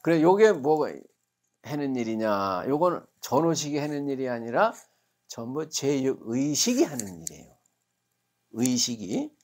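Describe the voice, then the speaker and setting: A man's voice: mid-range voice, sing-song, unhurried, a little mellow. A male Buddhist monk giving a dharma talk, telling it vividly with rhetorical questions and acted-out quotes. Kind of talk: sermon.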